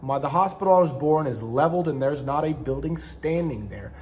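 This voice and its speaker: A middle-aged Ukrainian man who hosts a channel and works as an online seller and manufacturer talks casually to camera. His voice is a little high, expressive, fairly quick and darkish in tone. He rambles conversationally, often correcting himself and restarting mid-sentence.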